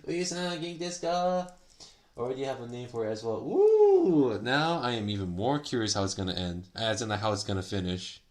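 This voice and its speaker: A man's voice: fairly low pitch, normal speed. Chatty bilingual man streaming while crafting. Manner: switches between Japanese and English, many fillers, laughs often; polite, chatty, greets viewers by name. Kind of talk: casual chat stream.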